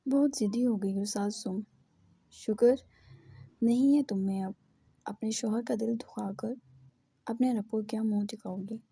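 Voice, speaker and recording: A woman's voice: fairly high pitch, fairly even intonation, unhurried, gravelly, long pauses, warm tone, slightly rough, dry recording, exaggerated voice. A woman voicing a stern, pious middle-aged mother in an audiobook, scolding her daughter.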